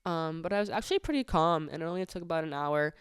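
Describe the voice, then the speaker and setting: A woman podcast host chats through a story in a loose, filler-heavy way, her voice a touch lower than most and smooth and clean. The sound is dry and close, with no room around it. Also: fast talker, no room sound. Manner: chatty, many filler "like"s, exasperated retelling. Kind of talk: casual storytelling monologue.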